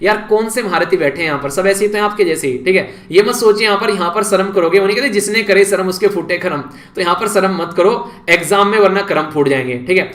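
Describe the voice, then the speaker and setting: A man's voice: high-pitched, fast talker, hardly any pauses, fairly bright tone, roomy sound. A man with an Indian accent teaching current affairs in a casual, chatty lecture and talking straight to his students. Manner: chatty, addresses students directly with "yaar". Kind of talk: casual Hindi lecture recap.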